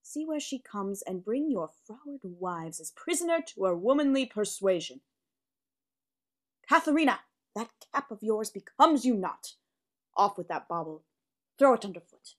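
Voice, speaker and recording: A woman's voice: mid-range voice, very animated, darkish tone, natural voice. A woman reading a proud, commanding nobleman. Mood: boastful. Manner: slow, declaiming.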